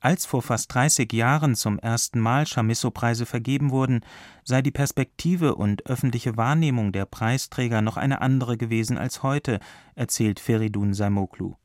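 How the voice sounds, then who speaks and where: A man narrating a scripted radio report in a calm, formal way. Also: mid-range voice, moderate pace, no echo, clean studio sound.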